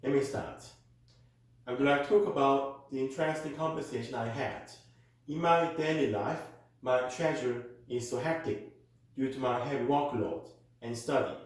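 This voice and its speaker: A man with a Korean accent, a native Korean speaker, teaching as a tutor and reading model exam answers aloud at a slow, careful pace for learners. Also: mid-range voice. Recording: very echoey room.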